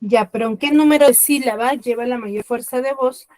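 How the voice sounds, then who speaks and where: High-voiced woman teacher, dry sound. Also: a little mellow, no room sound. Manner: questioning, slows and stresses key words. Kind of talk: online class lesson. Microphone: computer mic on a video call.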